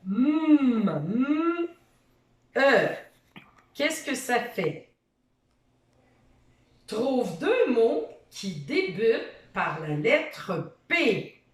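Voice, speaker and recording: A woman leads a children's reading lesson, slow and encouraging as she sounds out each letter. Her voice swoops lively up and down and sits a little high. She sounds set back from the mic in a roomy, echoey space. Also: far from the mic. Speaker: teacher.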